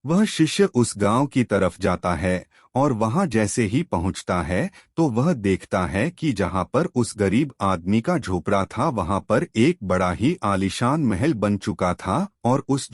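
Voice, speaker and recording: A man narrating a scripted moral story in a measured, instructive storytelling way. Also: fairly low pitch, very animated, slightly rough, dry recording, clean studio sound.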